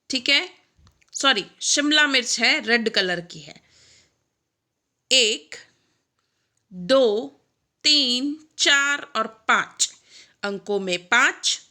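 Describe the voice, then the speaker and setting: A woman's voice: on the high side, pushed and bright. A woman teaching a primary class, counting pictured objects aloud and spelling out each number word letter by letter. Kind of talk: online lesson.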